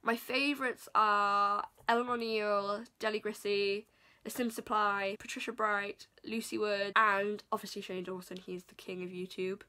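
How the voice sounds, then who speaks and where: Filming from a camera at desk distance in her small bedroom, a South Welsh vlogger in her twenties talks bubbly and self-mockingly. Her voice is a little high, with a sharp tone.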